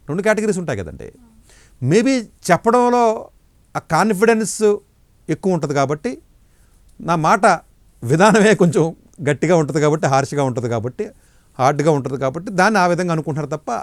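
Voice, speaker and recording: A middle-aged man, an education counselor, giving blunt, forceful answers in an interview. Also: high-pitched, no room sound, clean studio sound.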